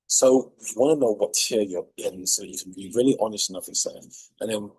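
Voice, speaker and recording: A man's voice: lowish voice, brisk, a little mellow, breathy edge, low-quality recording. A man speaking as a leadership coach in an emphatic motivational monologue to camera, repeating key phrases for effect, recorded outdoors.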